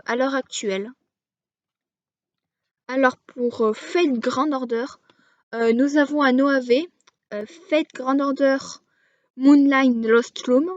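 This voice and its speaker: A woman with a high, light voice talks slowly through a list, stopping often to find her next word. The sound is dull and lo-fi, with a dry, close feel and no room echo. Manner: halting, frequent hesitations while listing titles. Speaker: anime video creator. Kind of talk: casual explainer to camera.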